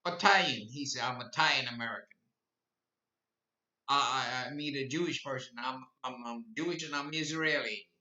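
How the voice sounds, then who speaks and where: Bright-voiced man in his eighties. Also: fairly high pitch. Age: 80s. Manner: rambling, repeats himself, grows impassioned. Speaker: podcast host. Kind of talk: rambling live-stream monologue. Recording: echoey, distant, dull lo-fi.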